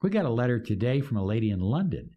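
A man hosting a motivational podcast, talking with enthusiastic, preacher-like emphasis and drawn-out phrases. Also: medium pitch, very animated, highs cut off. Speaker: podcast host and life coach. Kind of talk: upbeat motivational podcast talk.

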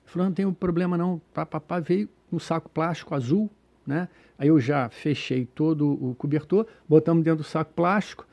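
A man's voice: a little high, moderate pace, creaky. A man from Brazil telling a travel story in casual podcast chat, acting out the dialogue and laughing often. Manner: animated storyteller, acts out dialogue, laughs a lot. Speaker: group travel organizer telling stories.

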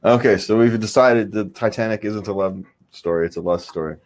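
A man's voice: on the low side, fairly quick, darkish tone. A man co-hosting a casual live stream, joking and laughing a lot, then talking thoughtfully about self-analysis. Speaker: livestream co-host. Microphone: on camera, controls the board.

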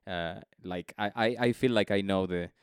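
A man's voice: sits low, moderate pace, clear, resonant tone, no echo. A man from Ecuador introducing himself as a sound designer, upbeat and eager with some hesitation. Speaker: audio editor and sound designer. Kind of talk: casual video-call introduction. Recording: dry, close sound.

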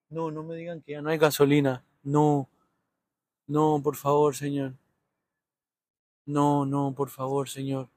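A man's voice: a little high, darkish tone, no echo. A man in his thirties with a Honduran accent, giving an anxious, rambling running commentary from inside his car while waiting in line. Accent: Honduran Spanish. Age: 30s. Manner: rambling, anxious, thinking aloud. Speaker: podcast host.

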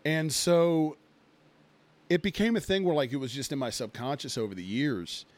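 With a slightly high voice at a moderate pace, this thirty-something podcast co-host tells a long drinking story in casual chat. He rambles, curses, and leans heavily on fillers.

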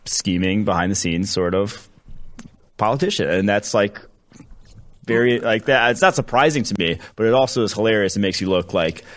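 A man with a very low voice co-hosting a sports podcast, easygoing and rambling as he breaks down teams and coaches. He talks casually, full of filler words. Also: normal speed. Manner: laid-back, rambling analysis with fillers. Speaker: podcast co-host.

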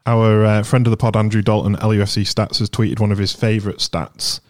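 Man, low voice, fast delivery, the podcast's stats guy. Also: fairly even intonation. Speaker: podcast co-host. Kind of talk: casual football podcast chat.

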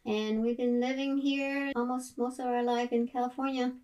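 A middle-aged woman who grew up in Vietnam introduces herself hesitantly, with fillers. Her voice is fairly high and sounds somewhat distant from the microphone. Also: level tone, moderate pace, a little mellow. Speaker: guest. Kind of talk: casual family interview.

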